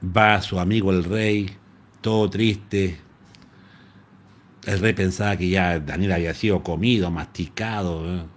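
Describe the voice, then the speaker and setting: A pastor from Chile with a Chilean Spanish accent, preaching a live-streamed sermon in an animated storytelling manner. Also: male voice, sits low, unhurried. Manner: animated storytelling, addresses listeners as "hermano".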